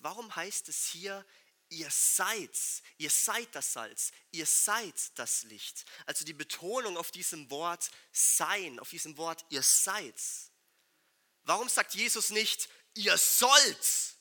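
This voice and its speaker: A man's voice: high voice, sharp tone. A man giving a sermon to a congregation, speaking emphatically and putting rhetorical questions straight to his listeners. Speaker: preacher.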